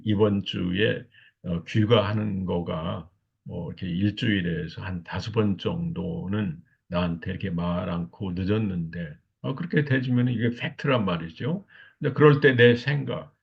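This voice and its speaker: Older male lecturer, gravelly and low, hesitant filler-laden delivery, muffled lo-fi sound. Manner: halting, many fillers, repeats "이렇게" constantly. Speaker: lecturer on marriage communication. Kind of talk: recorded lecture. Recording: dull lo-fi recording.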